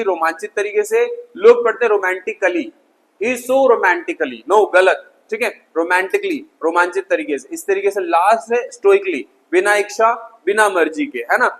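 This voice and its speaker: A man teaching English pronunciation at a board in an energetic video lesson, repeating words for emphasis. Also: high voice, poor audio.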